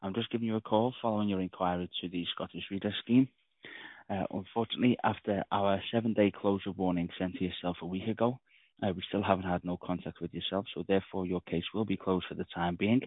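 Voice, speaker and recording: A man's voice: sits low, no room sound. A man from a law firm leaving a formal business voicemail over a landline phone, reading a scripted message with hesitant fillers and restarts. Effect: heard over a landline phone. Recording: tinny dry phone-line recording.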